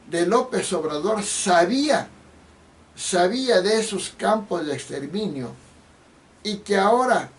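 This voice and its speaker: A man delivers a heated solo political rant in a high voice, accusatory and prone to restarting his sentences. He sits some distance from the microphone, and a faint hiss of background noise runs underneath. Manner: indignant, accusatory, with frequent restarts. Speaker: political commentator.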